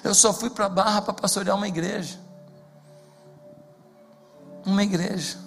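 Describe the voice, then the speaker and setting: Fervent high-voiced carioca pastor. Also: male voice, fairly even intonation, moderate pace, vocal fry. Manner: fervent, swelling to shouted climaxes. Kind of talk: sermon. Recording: echoey hall with faint music.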